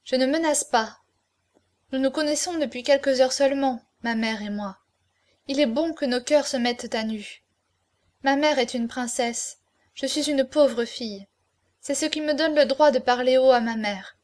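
A woman's voice: high-pitched, moderate pace, darkish tone, close to an everyday voice. A woman reading aloud, voicing an anguished, proud young woman with an intense manner in an audiobook. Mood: haughty. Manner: intense, pleading then haughty.

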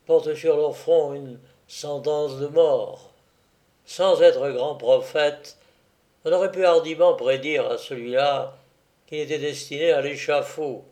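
Slow, mellow male memoir reader. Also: fairly high pitch. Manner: slow, deliberate reading with occasional fillers. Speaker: narrator. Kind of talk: audiobook reading of a memoir.

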